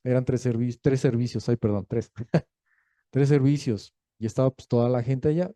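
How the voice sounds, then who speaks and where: A male pastor, preaching a sermon in a lively, joking storytelling manner. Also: mid-range voice, moderate pace, no echo. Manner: lively storytelling, acting out quoted voices; jokey, laughs between points.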